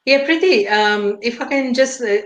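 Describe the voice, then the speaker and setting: A woman's voice: fairly high pitch, moderate pace, reverberant, muffled recording. A middle-aged woman from Tanzania, a singer being interviewed over a video call, talking with many hesitant fillers. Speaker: singer and guest. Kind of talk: interview talk.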